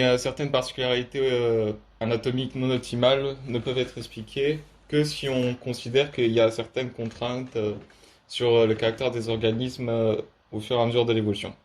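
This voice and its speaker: A young man giving a prepared student presentation in a halting way, with very frequent hesitations. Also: mid-range voice.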